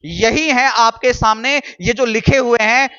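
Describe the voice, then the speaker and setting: एक पुरुष शिक्षक जो कक्षा में धैर्य से पढ़ाता है, बातें दोहराता है और अक्षरों को धीरे-धीरे अलग करके बोलता है।. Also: male voice, extremely high pitch, bright, forceful tone, smooth, highs cut off. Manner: patient, repeats and spells out syllables slowly. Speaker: Hindi teacher. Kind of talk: classroom lesson.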